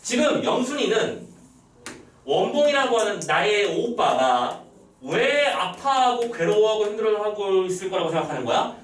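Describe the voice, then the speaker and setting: A male teacher giving an online lesson, quizzing his students with quick rhetorical questions and acting out lines from the text. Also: high-pitched, very animated, a little hiss or hum. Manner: reads the text's lines aloud in acted voices. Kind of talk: online lecture. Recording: roomy echo, a little far from the mic.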